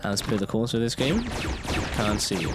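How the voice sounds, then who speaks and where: A man's voice: on the low side, animated, moderate pace. A man hosting a podcast, commentating his gameplay with exasperated, swearing complaints. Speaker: podcast host. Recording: game audio and music playing behind.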